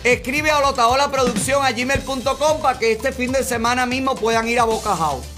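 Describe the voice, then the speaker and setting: A man's voice: very high-pitched, fairly quick, loud music behind the voice. A man hosting a live call-in game show, teasing and joking with callers. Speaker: host.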